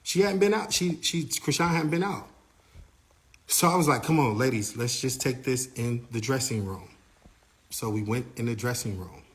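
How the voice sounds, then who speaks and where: A young adult man in casual storytelling, animated, repeating himself and acting out what others said. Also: mid-range voice, normal speed. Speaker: manager telling a story.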